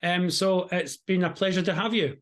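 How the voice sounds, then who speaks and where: Higher-pitched Scottish man hosting an interview. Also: fairly even intonation, normal speed, fairly bright tone. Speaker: interview host.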